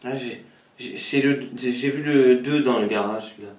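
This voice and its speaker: A man's voice: mid-range voice, normal speed, a little mellow. A man with a southern French accent, chatting casually and counting aloud as he shows a pile of games. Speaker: flea market video host. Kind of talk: casual live unboxing chat. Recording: echoey room, far from mic, noisy.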